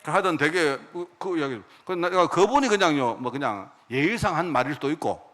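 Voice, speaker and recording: A man's voice: fairly high pitch, expressive, brisk, a bit bright. A middle-aged male pastor with a Gyeongsang Korean accent, telling a story in a sermon and acting out the dialogue in character voices.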